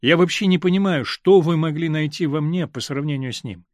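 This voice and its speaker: A man's voice: on the high side, a little fast, darkish tone, dry recording, studio quality, close to an everyday voice. A male reader voicing an impatient, insistent man in love, ashamed of deceiving a friend.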